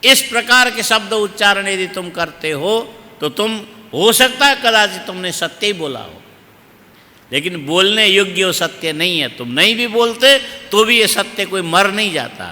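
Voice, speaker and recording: A man giving a Hindi religious discourse, teaching in a slow cadence, asking listeners questions and chanting Sanskrit verses. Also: sits high, expressive, sharp tone, in a large hall. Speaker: Bhagavata katha preacher.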